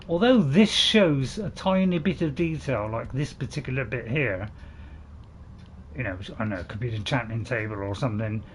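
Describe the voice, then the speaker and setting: Man, gameplay commentary, rambling chat, fairly high voice, faint background hum. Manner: chatty and rambling, with sudden loud excited shouts. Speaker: gaming channel host.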